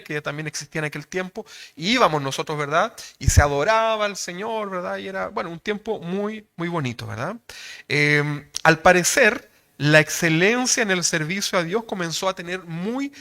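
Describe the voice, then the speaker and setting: A man's voice: a little high, bright, forceful tone. A man with a Chilean accent preaching a sermon in a conversational way, checking in with rhetorical questions after nearly every phrase. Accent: Chilean Spanish.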